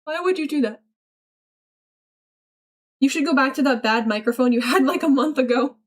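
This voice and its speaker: A woman's voice: sits high, moderate pace. A young woman streaming, reading chat aloud and joking back in a playful, mock-serious way. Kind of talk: casual livestream chat.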